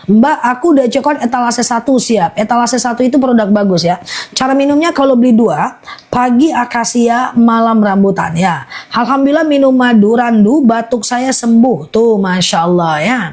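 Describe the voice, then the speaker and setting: A woman's voice: fairly high pitch, normal speed, darkish tone. A woman selling honey on a live stream, rattling off long lists of ailments in a chatty, reassuring patter.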